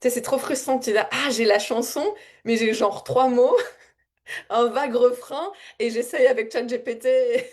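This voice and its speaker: A woman spiritual coach talking casually and reflectively to her audience, wandering through her thoughts with frequent repeated words, soft laughs and heartfelt emotion. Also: fairly high pitch, moderate pace. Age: adult with a child. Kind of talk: casual spontaneous reflective talk.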